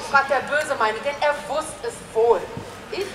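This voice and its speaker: Woman doing a worried farmer husband, high bright voice, hushed and brooding, echoey room w/ music behind. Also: a little slow. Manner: hushed and brooding, slipping into giggles. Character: worried farmer husband, middle-aged man. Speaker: amateur actor. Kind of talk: amateur stage reading of a verse play. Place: room at home.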